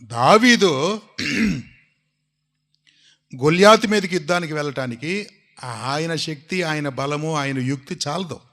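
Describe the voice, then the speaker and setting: A man preaches a sermon, his voice pitched somewhat high. He tells the story with animation, keeps asking his listeners questions and urges them to shout the words back to him. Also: lively intonation, a little slow, pauses often.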